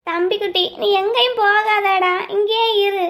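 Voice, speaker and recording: A woman's voice: extremely high pitch, fairly even intonation, normal speed, a bit bright, slight background noise. A woman voicing a tearful young man in a cartoon, crying over his little brother.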